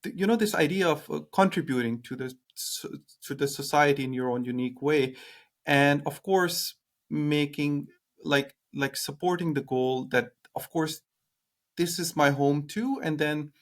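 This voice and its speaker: Young podcast host. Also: male voice, on the high side, a little slow. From Pakistan. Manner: hesitant, leans on "like" fillers. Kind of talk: casual podcast conversation.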